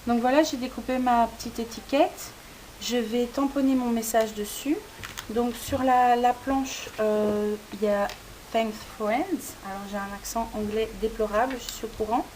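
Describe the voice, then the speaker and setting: A woman walks through a card-making project step by step, her voice a touch higher than average. She pauses often with hesitant fillers as her hands stay busy. A steady hiss runs under the whole recording. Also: low-quality recording. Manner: hesitant, frequent "euh" fillers while working. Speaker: craft tutorial host. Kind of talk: step-by-step demonstration.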